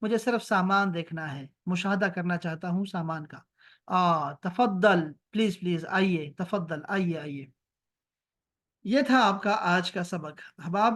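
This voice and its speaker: A man from Pakistan teaching an online Arabic lesson, repeating each word slowly and switching to firm reminders. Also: high-pitched. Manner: patient, repetitive drilling of words, switching to strict reminders. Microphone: video call.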